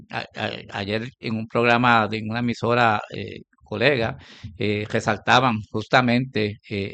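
Creaky low-voiced man. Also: a bit bright, dry recording. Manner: hesitant, many filler sounds and restarts. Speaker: radio talk show panelist. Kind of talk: spoken radio tribute.

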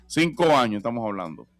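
A man's voice: mid-range voice, very animated, moderate pace, no room sound. A man, co-hosting a casual sports radio show. He steers the talk with prompting questions and repeats himself for emphasis. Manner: conversational, repetitive, prompting.

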